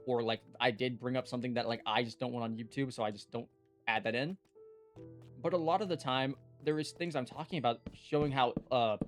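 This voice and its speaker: A young man talks through a game session in a loose, rambling way, filling his sentences with fillers and restarts. His pitch sits in a middling range, and faint music runs quietly under his voice. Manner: rambling, filler-heavy, earnest. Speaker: gaming YouTuber. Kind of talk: casual commentary while playing.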